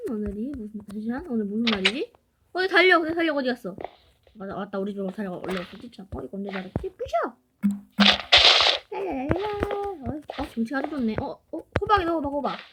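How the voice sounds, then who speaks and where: A young woman with a high voice chats her way through a game, playful and quick to burst into loud squeals. There is a steady hiss of noise under her voice. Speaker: game player. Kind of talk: Minecraft-style role-play commentary.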